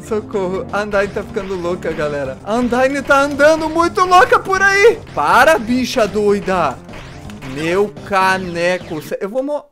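A man doing let's play commentary, excitable, yelping and shrieking in panic as he plays. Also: high voice, moderate pace, few pauses, faint music behind. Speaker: gamer.

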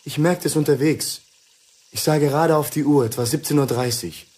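An actor playing a weary, doomed husband who speaks in a husky, hushed, halting voice, in an old mono radio play with music. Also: male voice. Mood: agitated. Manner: low, hushed and halting, growing urgent. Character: weary doomed husband Bill, middle-aged man.

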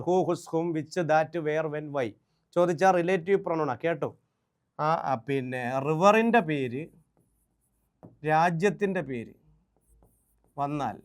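A man with a Malayali accent teaching an exam-prep grammar lesson. His voice sits a little higher than most men's. He drills each rule by saying it again and stops to ask whether everyone follows. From Kerala. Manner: drills rules by repeating them and checking "understood?".

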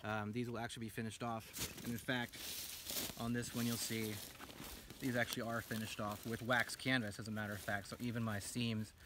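The background is noisy as a US gear maker in his thirties, seated in a forest, shows off his self-made pack with enthusiasm and casual, um-filled rambling. His fairly low voice has little pitch movement and a fairly quick pace, captured by a camera a few feet away.

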